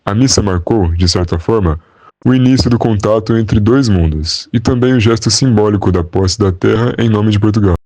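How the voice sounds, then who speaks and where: A young man playing a calm, proud Portuguese royal scribe, recounting in a measured, formal way on a school podcast. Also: on the low side, dry recording. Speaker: interviewee. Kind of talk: school podcast role-play.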